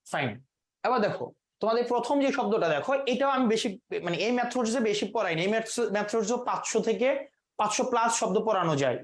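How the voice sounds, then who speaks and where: A man teaching English vocabulary in a classroom, quizzing his students and mixing in English words. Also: high-pitched. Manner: asks the class quiz questions, mixes in English words. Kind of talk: live classroom lesson.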